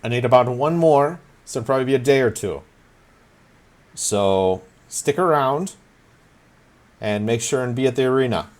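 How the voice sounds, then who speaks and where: A man's voice: mid-range voice, expressive, normal speed, long pauses, voice pushed up, natural voice. A man doing a brusque greasy fight promoter. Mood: brisk. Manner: brusque, businesslike, folksy. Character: short greasy-haired human male fight promoter, shrewd.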